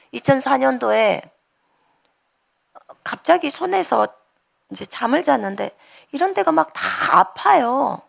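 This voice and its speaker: A woman's voice: a little high, creaky. A woman from preaching a sermon at a church service, telling a personal testimony and speaking directly to the congregation. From Jeolla, South Korea. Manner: storytelling, addresses the congregation directly.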